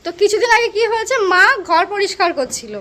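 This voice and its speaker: A woman's voice: very high-pitched, very animated, fast, pushed and bright. A young woman, chatting casually and rambling through stories for her vlog. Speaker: vlogger. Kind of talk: casual vlog chat and voice-over.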